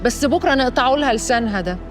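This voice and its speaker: An actress playing a catty rival wife. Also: female voice, a little high, expressive, very fast, soft background music, lightly acted. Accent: Egyptian Arabic. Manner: catty, teasing. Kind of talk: Egyptian TV drama acting.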